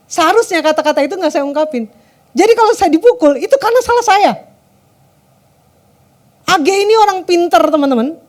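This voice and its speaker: A woman preaching to a youth congregation in a casual, conversational way. Her voice sits high, and she keeps turning to the listeners directly. Phrase endings often drop low and quiet. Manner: conversational, keeps addressing the audience, lets phrase ends drop low and soft. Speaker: youth service speaker. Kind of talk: sermon.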